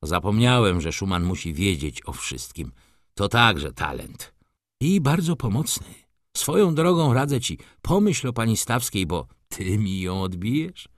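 A man's voice: on the low side, sing-song, measured pace, dry recording, studio quality. A man voicing a weary, bitter middle-aged male merchant in an audiobook, speaking gloomily and with resignation. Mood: dry, ironic.

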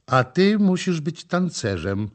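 A man reading the part of a gentle, sad young woman who calls out in a slow, soft, lamenting tone. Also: on the high side, sing-song, pitched above the performer's own voice. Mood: wary.

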